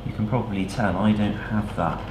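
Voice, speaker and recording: A man in his thirties, a channel host, talking in a relaxed, practical way as he demonstrates a craft in a cluttered indoor workshop, picked up by a camera mic at a distance. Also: on the low side, brisk. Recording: echoey workshop with background noise.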